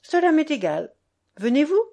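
Brief: defiant young mother, high and loud, sharp, unbending, read by a woman. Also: animated, measured pace, lo-fi sound.

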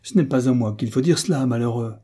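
A man's voice: medium pitch, fast, mellow, close to an everyday voice. A man doing a blustering old sailor uncle. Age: older. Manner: gruff and bluster, easily cowed.

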